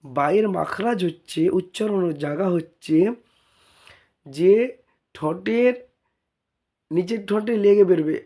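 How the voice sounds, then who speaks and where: A man from India with a Bengali accent teaching Arabic letters, repeating each sound several times in a slow spoken lesson. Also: high-pitched, warm tone.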